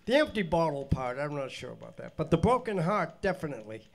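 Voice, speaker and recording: An older male bandleader and show host, congested from a head cold, chats casually to a live audience from a stand mic on a small indoor stage studio. His high, gravelly voice is sing-song and fast, and his folksy patter rambles with frequent restarts.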